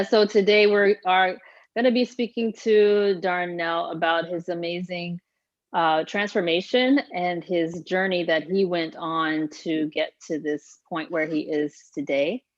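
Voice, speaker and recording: A woman's voice: fairly low pitch, steady tone, a little slow, no room sound, highs cut off. A woman fitness coach hosting a casual live-stream interview, chatty with frequent laughs and fillers. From Haiti.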